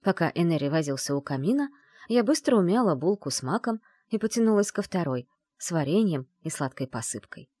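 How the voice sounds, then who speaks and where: Female audiobook narrator, first-person, lively and expressive, lowish voice, dry close sound. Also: a little fast, no room sound. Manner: expressive, animated storytelling.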